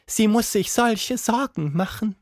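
A storyteller voicing a giant female ape who is gruff, then scatterbrained and stammering, in a children's audiobook. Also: medium pitch, animated, a little slow, no room sound, clean studio sound, pitched above the performer's own voice. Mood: flustered. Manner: flustered and stammering. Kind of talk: storybook reading.

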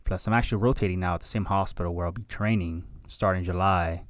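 In a studio-quality, dry recording, a deep-voiced man talks fast with fairly even intonation. He's a Cuban graduating medical student in his thirties, in the US since age six, answering interview questions on a podcast in a warm, effusive, gracious way.

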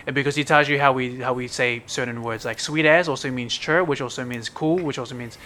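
A man's voice: mid-range voice, steady tone, brisk, bright, forceful tone. A man in his thirties with a broad New Zealand accent, chatting casually as a podcast co-host. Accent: broad New Zealand (Kiwi). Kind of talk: casual chat explaining slang.

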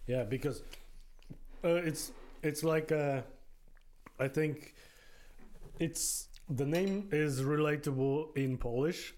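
A man hosting a podcast, interviewing a guest over food with slow, searching phrasing and restarts. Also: on the high side, darkish tone. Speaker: podcast host.

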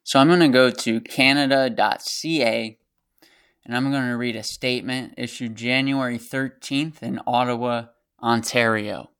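Gravelly, ranting American man. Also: medium pitch, fairly even intonation, moderate pace, a bit bright. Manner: passionate, ranting and profane. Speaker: podcast host. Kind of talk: opinionated solo commentary.

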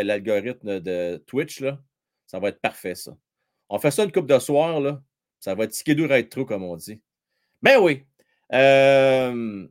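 A man with a Quebec French accent hosting a live hockey stream, commenting on the game and chatting with viewers in a slangy, excitable way. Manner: excitable, chatty, slangy, swings between shouting and low asides. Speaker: hockey livestream host.

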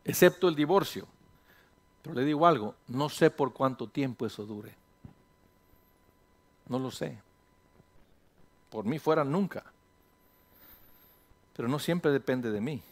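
A man preaching a sermon as pastor, animated, asking rhetorical questions and dropping English phrases into his talk. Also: medium pitch, a little slow, long pauses. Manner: animated, rhetorical questions, voices imagined listeners.

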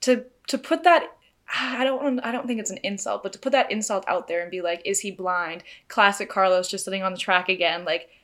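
A chatty woman co-hosting a laid-back podcast. She talks at a middle pitch, with plenty of fillers and easy back-and-forth. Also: fairly quick, fairly bright tone. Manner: chatty, many "like" fillers, laughs easily. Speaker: podcast co-host. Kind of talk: casual chat.

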